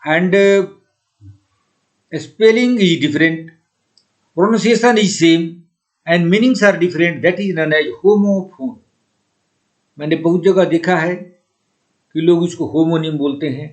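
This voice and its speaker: A man with an Indian accent works through exam questions in a slightly high voice. He reads each English sentence slowly and deliberately, then explains it and repeats the key words. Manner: slow and deliberate when reading English sentences aloud. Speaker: English teacher. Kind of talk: exam-prep lesson mixing Hindi and English.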